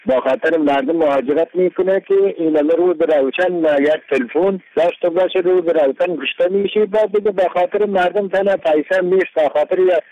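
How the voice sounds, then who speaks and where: A man's voice: high voice, few pauses, no echo, narrow, tinny audio. A man with a northern Afghan accent making a spontaneous spoken complaint as a radio listener's message.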